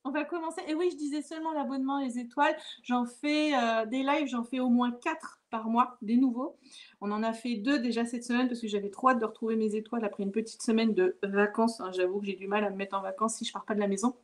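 A woman's voice: a little high, fairly even intonation, fast. A woman hosting a live watercolor lesson from home, chatting casually, greeting viewers and laughing often. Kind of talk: casual live-stream chat.

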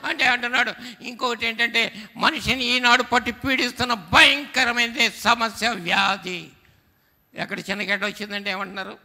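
A man's voice: very high voice, fairly even intonation, moderate pace, gravelly, bright, forceful tone. A man preaching a sermon as pastor, calling on the congregation to answer back. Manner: preaching with call-and-response to the congregation. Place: church sanctuary. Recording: church hall with long reverb.

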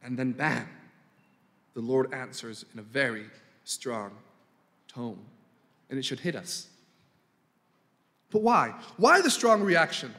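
A man's voice: medium pitch, expressive, slow pace, pauses often, pushed and bright. A man preaching a sermon in a church, emphatic, with his voice jumping up sharply on quoted lines. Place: church hall. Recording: reverberant church hall.

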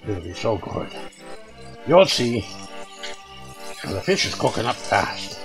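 An older man with a gravelly, creaky voice talks through a home cooking demonstration in a relaxed, folksy way, slipping in the odd pirate joke. A pan sizzles in his kitchen while music plays clearly underneath his voice. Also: on the low side, slow pace, rough recording. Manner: folksy, chatty, with occasional pirate jokes. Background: sizzling frying pan and music.

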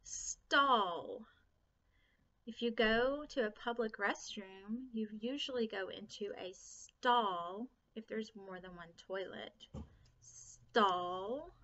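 A woman teaching a phonics lesson to young children, speaking slowly and deliberately, stretching out sounds and repeating each word. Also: medium pitch, pushed and bright. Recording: slightly dull lo-fi recording.

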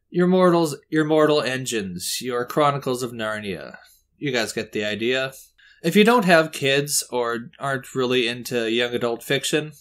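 A man's voice: mid-range voice, a bit bright. A man hosting his own movie review show, talking casually with chatty, self-deprecating asides. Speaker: host.

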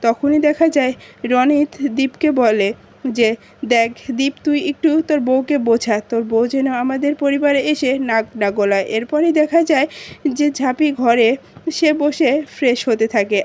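A woman's voice: high voice, darkish tone. A woman retelling a TV drama in casual narration, speaking every character's lines in her own voice. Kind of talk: casual narration with quoted dialogue. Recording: dull lo-fi recording.

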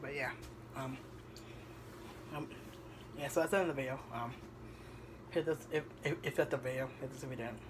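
A young man rambles through a casual home cooking vlog, hesitating often with ums. He speaks at an ordinary middle pitch. He is picked up by a camera sitting on the kitchen counter, with clear background noise in the recording. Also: steady tone, fairly quick, long pauses. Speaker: vlogger. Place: home kitchen at night, indoors.

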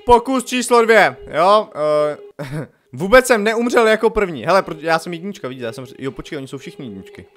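A man giving casual, jokey let's-play commentary, swinging from loud excited outbursts to low mutters. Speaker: gaming youtuber.

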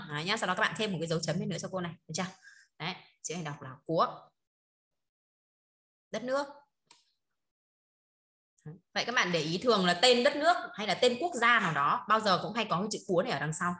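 A quick-talking woman teacher leads an online class over a video call. Her voice is bright and forward, and she keeps tossing short questions back to her students. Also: medium pitch, animated. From northern Vietnam. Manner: checks in constantly with short tag questions, laughs often. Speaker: Chinese teacher.

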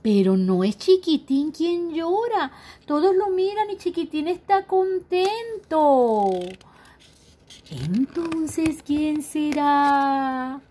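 Lively woman reading a children's story. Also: high-pitched, drawn-out words. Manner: lively, asks the young listeners questions. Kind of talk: reading a picture book aloud to children.

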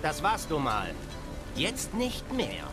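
An actor playing a surly, threatening bandit henchman in a video game, gruff and hostile. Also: fairly high pitch, huge pitch swings, slow, full character voice. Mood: hostile, dismissive. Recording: music underneath.

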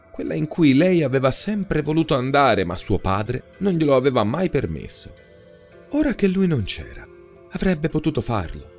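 A man narrating a short story in a scripted, expressive storytelling manner. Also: mid-range voice. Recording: soft background music.

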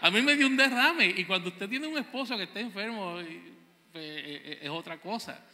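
A man doing a stand-up comedy routine, with animated, self-mocking storytelling. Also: high voice, normal speed, in a large hall.

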